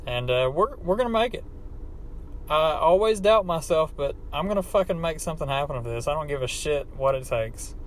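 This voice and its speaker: Brisk and animated, with a voice pitched a little high, a man records his podcast monologue inside a car. He speaks with an Appalachian hillbilly American accent, keeping things casual, unscripted, profane and self-mocking. Background car noise and an amateur setup mark the recording.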